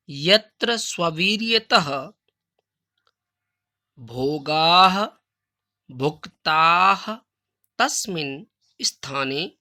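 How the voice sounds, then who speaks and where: Male schoolteacher, unhurried and deliberate, dictates answers word by word in a bright, forceful voice. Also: a little high. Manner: explains in everyday Hindi between recited lines. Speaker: Sanskrit teacher. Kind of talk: recorded class lesson.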